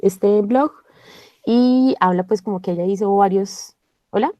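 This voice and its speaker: A woman's voice: mid-range voice, unhurried, dark tone, dry recording. A woman, hesitantly leading a club reading over a video call, with many fillers. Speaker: book club member leading a shared reading. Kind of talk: casual online reading club talk with read-aloud passages.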